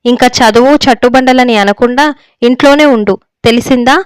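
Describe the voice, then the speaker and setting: A woman reading aloud puts on a harsh older father who bellows his scolding in a storybook reading. Her voice stays clear and smooth against a dry, close sound. He comes across as an overbearing man who is quick to rage. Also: on the high side, fairly even intonation, no echo, lightly acted. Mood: angry.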